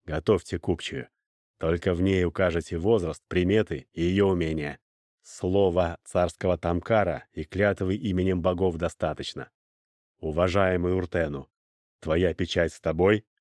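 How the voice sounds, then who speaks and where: Gruff old merchant, as a male reader puts him on, deep, firm, dry sound. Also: steady tone, normal speed, darkish tone, no echo, close to an everyday voice. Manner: firm, businesslike. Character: stern older male merchant, a hard bargainer.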